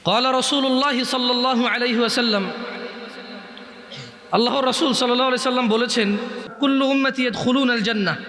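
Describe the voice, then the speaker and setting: A man delivers a loud, restless sermon in a hall, his very high voice sharp and bright. Long reverb trails after every line as the room echoes. He asks the crowd questions and answers them himself, then recites Arabic sayings and explains them. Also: steady tone, quick pace, long pauses. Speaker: preacher. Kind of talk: Islamic sermon to young men. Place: large gathering in a hall.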